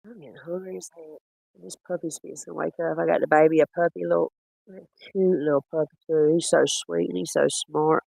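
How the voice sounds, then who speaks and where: Man, gravelly voice, dry sound, casual rambling chat. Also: on the high side, fairly even intonation, a little mellow, dry recording. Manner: rambling, drawling, quick to laugh. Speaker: cryptid-hunting streamer. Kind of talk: casual live chat reviewing footage.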